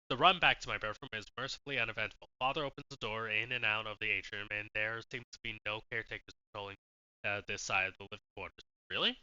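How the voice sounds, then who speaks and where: A man's voice: on the low side, clean tone, dry recording. A man streaming a game, reading its story text aloud in a casual, hesitant way with many fillers. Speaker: gaming streamer. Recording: muffled sound over loud game music.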